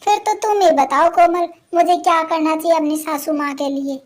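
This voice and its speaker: A woman voicing a scheming, sharp-tongued young wife crow who scolds her mother-in-law harshly. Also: extremely high pitch, moderate pace. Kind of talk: cartoon voice acting.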